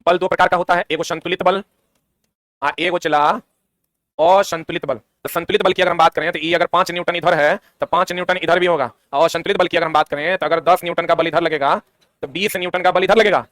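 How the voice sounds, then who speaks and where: A man's voice: fairly high pitch, fairly even intonation, a little fast, fairly bright tone, no room sound. A man, teaching an exam-prep science lesson, asking questions and answering them himself. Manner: quizzing, asks and answers his own questions.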